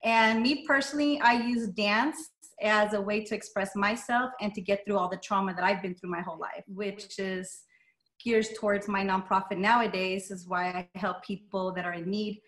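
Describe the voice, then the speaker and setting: A middle-aged woman from Las Vegas, USA, whose first language is Spanish, owns a dance studio and appears as a guest speaker telling a personal story. She talks casually and hesitantly, with many ums and light laughs. Her voice is medium-pitched and a bit bright, with fairly even intonation at a moderate pace.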